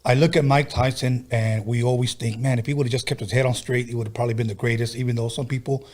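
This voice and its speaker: A man's voice: medium pitch, steady tone, fast, a little mellow. A man hosting a podcast interview, telling stories casually and mixing in Spanish words. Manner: storytelling, drops Spanish words. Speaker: podcast host.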